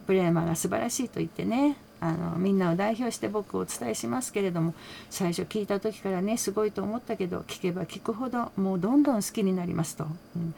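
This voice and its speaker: Chatty woman with a gravelly edge. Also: medium pitch, mellow, slight background noise. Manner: chatty, relays quotes with small laughs and many fillers. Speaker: fan channel host recapping a radio interview. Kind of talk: casual solo commentary.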